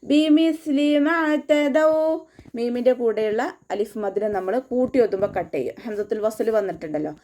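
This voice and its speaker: A woman teaching Quran recitation, going slowly line by line and explaining where to place the lips and tongue for each sound. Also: mid-range voice, dark tone, a little hiss or hum. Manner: patient and methodical, gives mouth and tongue placement cues. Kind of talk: tajweed lesson, slow line-by-line instruction.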